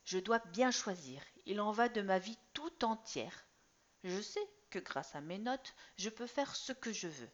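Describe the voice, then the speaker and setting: A woman reading a story aloud, voicing an earnest, eager teenage boy with high, insistent and sometimes whiny outbursts. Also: lively intonation, a little slow, natural voice. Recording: slightly dull lo-fi recording.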